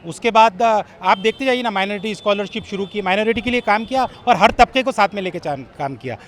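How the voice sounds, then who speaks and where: A man's voice: high voice, a little fast, fairly bright tone. A man interviewed on a city street, speaking emphatically like a speech and throwing accusing questions. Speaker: local supporter interviewed on the street.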